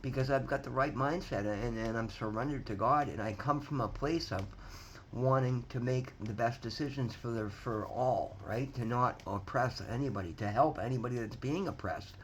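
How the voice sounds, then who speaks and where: At a moderate pace, a vlogger in his fifties with a mid-pitched voice tells his recovery story in a casual, heartfelt motivational talk. Earnest and rambling, he stumbles, repeats himself, restarts, and keeps calling his audience "guys," all on a low-quality recording with faint background noise.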